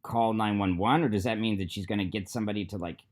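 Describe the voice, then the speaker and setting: A man's voice: on the low side, steady tone, quick pace. A man reading text messages aloud as a video host, adding sarcastic asides between them.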